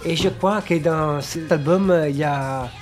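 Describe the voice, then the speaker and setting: A male musician interviewed on the radio, speaking thoughtfully and hesitantly with many pauses. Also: a little high, soft background music. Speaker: musician guest.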